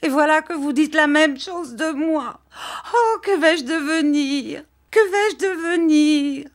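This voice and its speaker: A woman voicing a childish, petulant young wife who whines in a high, sobbing voice in an audiobook reading. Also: animated, a little slow, warm tone.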